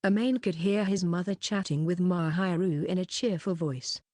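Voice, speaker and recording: A woman reading a light novel aloud in an even, unhurried storytelling manner, close to the mic. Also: lowish voice, no room sound. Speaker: audiobook reader.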